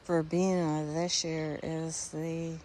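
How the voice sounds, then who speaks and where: Slow, musing woman touring her garden. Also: sits low, slight background noise. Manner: relaxed, musing, trails off mid-sentence. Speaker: garden vlogger. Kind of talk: casual garden tour narration. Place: outdoor garden.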